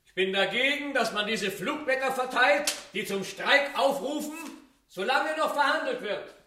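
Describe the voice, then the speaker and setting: A man's voice: very high voice, animated, normal speed, pushed and bright, far from the mic, slight background noise, full character voice. An actor playing a male worker who calls out wares and argues at a factory gate in a radio drama. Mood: arguing. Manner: calling out wares. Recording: roomy sound from off-mic.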